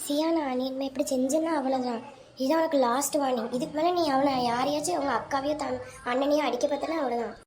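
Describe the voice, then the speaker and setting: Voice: high-pitched, fast talker, a little mellow, lightly acted. A child playing a stern scolding mother. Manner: firm, scolding. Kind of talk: home family skit.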